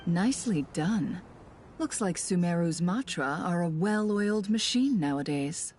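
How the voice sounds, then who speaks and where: An actress playing a shrewd, composed female trader in a video game, speaking in a cool, measured way. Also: lowish voice, expressive, a little mellow, slight background noise. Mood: approving. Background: music.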